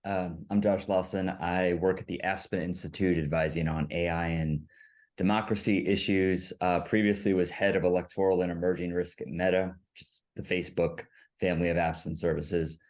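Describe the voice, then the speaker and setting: A man who works as an election lawyer introducing himself on a video call, crisp and matter-of-fact. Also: low voice, flat delivery, normal speed, darkish tone.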